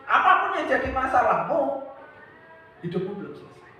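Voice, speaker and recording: A man in his thirties preaching a youth church sermon, emphatic, swinging between loud and soft, with casual slang mixed in. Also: very high voice, sing-song, moderate pace, faint music behind. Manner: casual, mixes in everyday slang and English words. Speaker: youth pastor. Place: church hall. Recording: echoey hall, distant dull mic.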